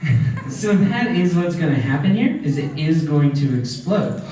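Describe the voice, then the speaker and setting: This clip is very noisy: a young man speaks from far off in an echoing event hall while the crowd behind him chatters. He's a science educator doing a live demonstration, upbeat as he guides the kids through each step, his fairly high voice lively in intonation and moderate in pace.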